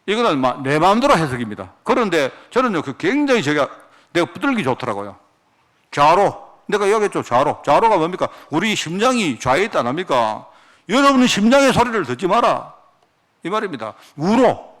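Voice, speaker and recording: A man's voice: fairly high pitch, sing-song, brisk, fairly bright tone. A male pastor preaching a sermon, firing off rhetorical questions as he goes.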